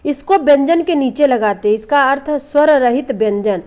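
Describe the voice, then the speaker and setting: A high-pitched young woman teaches a grammar lesson in a patient classroom manner. She poses questions to her students and answers them herself, repeating each term. Example sounds are spoken slowly and held out. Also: darkish tone. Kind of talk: classroom lesson explaining vowels and consonants.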